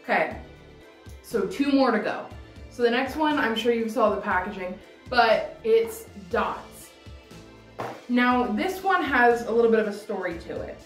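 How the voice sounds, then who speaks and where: With a fairly high, lively voice and a measured pace, a vlogger in her twenties talks to camera while taste-testing candy, rambling and hesitating with plenty of "like." She's in a decorated room indoors. Picked up by a camera a few feet off, the audio is roomy and distant, with background music.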